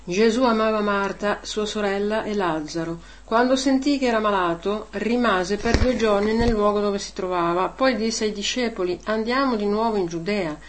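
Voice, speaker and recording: A woman with a mid-pitched voice reads scripture steadily, then preaches. She rises in pitch and volume on key words and often checks in with the listeners with a short question tag. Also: normal speed, few pauses, a little hiss or hum. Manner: emphatic, rising loud on key words, frequent "eh?" tags. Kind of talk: Gospel reading then homily.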